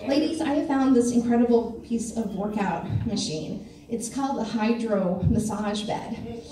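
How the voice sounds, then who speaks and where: A woman's voice: on the high side, moderate pace, warm tone, a little hiss or hum. A woman performing a stand-up comedy set, chatty and self-deprecating, often asking the crowd questions. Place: comedy club stage. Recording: echoey club from far off with crowd. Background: audience laughter.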